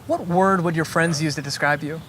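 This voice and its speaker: An interviewer runs through quick questions with short, upbeat reactions between them. The voice sits at a middle pitch, with a faint hiss of noise in the background. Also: steady tone, a bit bright. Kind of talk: rapid-fire interview questions.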